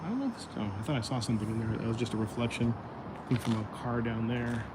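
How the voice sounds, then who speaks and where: Chatting casually with his viewers, a man hosts a livestream in a fast, mid-range voice. The background is noisy, and his voice is going out as he rambles on.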